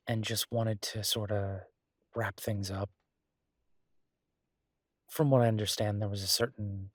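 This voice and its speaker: In an intimate roleplay audio drama, a man plays an easygoing, earnest chef boyfriend, speaking casually and haltingly in a husky, reassuring voice. His pitch is fairly low, the mood hopeful, and the recording dry and clean, from a studio.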